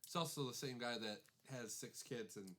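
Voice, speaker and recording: Podcast dude, lots of uhs and likes, blunt takes, argues back for fun. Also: male voice, mid-range voice, normal speed, sharp tone. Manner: hesitant, pushes back, blunt opinions. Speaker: podcast co-host. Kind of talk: casual chat.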